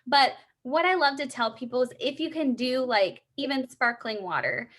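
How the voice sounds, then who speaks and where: A woman's voice: sits high, normal speed, a bit bright. A young woman in a three-way phone call sales role-play, explaining and encouraging in an upbeat, conversational way. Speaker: supplement sales consultant.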